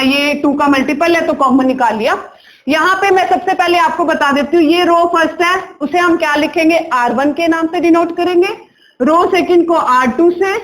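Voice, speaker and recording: A woman's voice: very high voice, poor audio. A woman teaching a maths lesson, explaining step by step and asking the class question after question. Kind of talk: classroom lecture.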